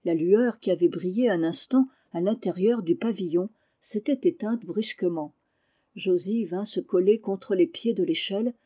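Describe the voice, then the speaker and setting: A woman narrating a classic novel as an audiobook, with a mellow, warm tone at a middle pitch. Her reading is measured and expressive, shaping each sentence like a storyteller. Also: husky. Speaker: audiobook reader.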